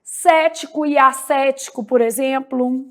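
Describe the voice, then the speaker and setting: Woman teaching grammar; high, slow delivery, checks in with her class after every point. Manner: slow, spells out words syllable by syllable, frequent "né?" and "beleza?". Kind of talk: grammar lecture.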